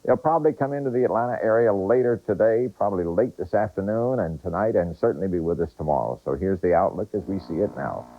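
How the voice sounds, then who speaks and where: Deep husky weatherman, tinny sound. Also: fast, few pauses. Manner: chatty, relaxed asides. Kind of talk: folksy weather forecast. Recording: tinny, lo-fi broadcast tape.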